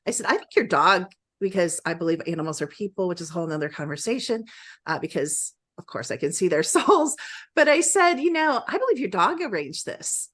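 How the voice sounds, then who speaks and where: A woman's voice: mid-range voice, fairly bright tone. Effusive, rambling middle-aged woman. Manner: effusive, gushing, rambling storyteller. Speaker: podcast guest. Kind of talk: casual conversation.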